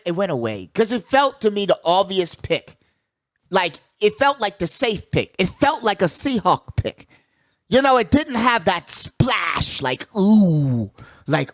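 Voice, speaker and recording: Sitting high in pitch, this man's voice comes through at studio quality with no room sound. As a sports-show host he goes for a slangy, hype-man style, repeating phrases for emphasis and checking in with his audience often.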